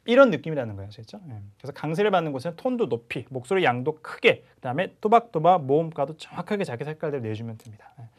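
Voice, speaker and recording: Lively, chatty male English teacher. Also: on the high side, fast talker, few pauses. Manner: chatty teacher, frequent "자" and "그죠?" check-ins, sometimes exaggerated demo reading. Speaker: English listening instructor. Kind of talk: video lecture.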